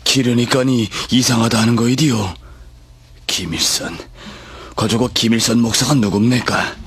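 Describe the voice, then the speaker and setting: An indignant, fervent church elder in a period radio drama. He has a heavily husky mid-range voice and a North Korean Pyongan accent, pressing each point with agitated emphasis. The sound is dry and close. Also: mid-range voice, steady tone, normal speed, dry recording. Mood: suspicious.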